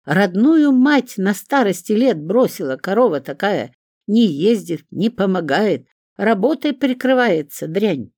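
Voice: medium pitch, very animated, normal speed, mellow, dry recording, studio quality. A reader voicing Shurka, an older mother who talks coarsely, bosses others about and calls people names. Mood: rude. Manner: coarse, abusive, bossy. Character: rude, demanding older mother from the village.

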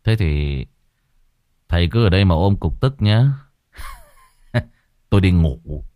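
Casting: a man playing a cold scheming son in a storybook reading, low sneer, dry close sound. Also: lively intonation, takes it slowly, dark tone, dry recording.

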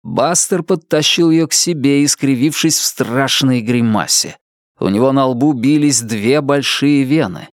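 A man narrating a dark thriller audiobook in a tense, vivid way. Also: medium pitch, measured pace, no room sound, clean studio sound. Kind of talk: dramatic audiobook reading.

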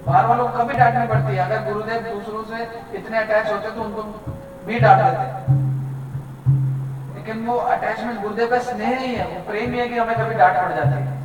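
A man's voice: sits high, fairly even intonation, a little fast. A man giving an earnest devotional talk, telling stories and mixing in English words. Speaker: devotee speaker. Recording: distant mic, echoey hall, music behind.

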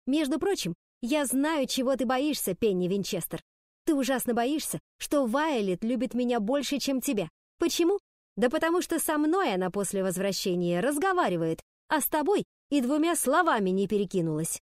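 Lady doing a snarky schoolgirl, taunting, a bit high, dry sound. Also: very animated, moderate pace, darkish tone, no echo. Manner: taunting, cutting. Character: mocking, sharp-tongued schoolgirl.

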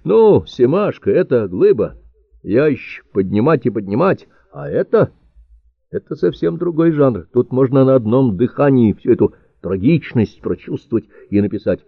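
A man's voice: mid-range voice, expressive, moderate pace, gravelly, no echo, narrow, tinny audio. A man voicing a vain, self-assured male writer in an audiobook, speaking emphatically. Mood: eager. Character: vain, pushy middle-aged male writer.

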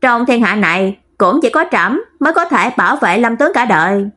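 A woman's voice: a little high, animated, brisk, pushed and bright. A woman voicing a young male emperor who speaks in solemn, formal court language.

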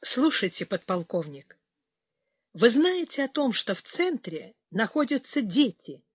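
A woman voicing a tired, calm male commander who speaks quietly, in an audiobook. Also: a little high, a little slow, husky, no echo, exaggerated voice. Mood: probing.

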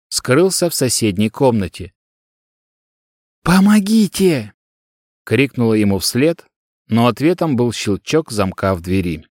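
Brief: man narrating an audiobook, even delivery, dry studio sound. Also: medium pitch, no echo. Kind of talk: scripted narration.

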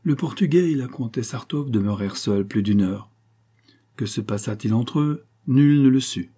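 A man narrating a classic novel as an audiobook reader, in a steady, even storytelling manner. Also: mid-range voice, moderate pace, breathy edge.

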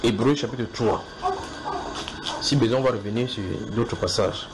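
In a house church, a preacher with a medium-pitched voice delivers a sermon at normal speed with fairly even intonation. The background is noisy, and he keeps repeating himself and questioning his listeners directly about whether they follow.

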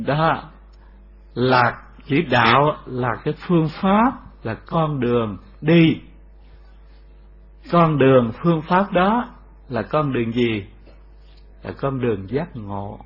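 A man giving a Buddhist dharma talk, explaining slowly and asking rhetorical questions. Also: mid-range voice, slightly rough. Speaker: Buddhist teacher. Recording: dull lo-fi recording.

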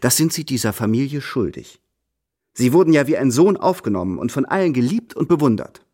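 Radio drama: pompous, scheming French nobleman, lively and lofty. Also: medium pitch, fairly quick, slightly rough. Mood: haughty. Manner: pompous, sprinkles in French phrases. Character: haughty scheming French marquis, middle-aged man.

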